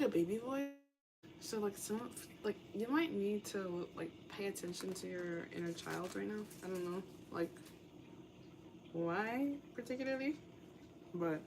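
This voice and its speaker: A woman's voice: medium pitch, moderate pace, pauses often, background noise. A young woman giving a casual tarot reading in a rambling, meandering way, full of fillers. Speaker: tarot reader.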